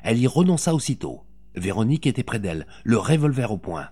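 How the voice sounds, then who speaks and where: A man reading a novel aloud as an audiobook narrator, with dramatic, expressive delivery. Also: mid-range voice, quick pace, breathy edge.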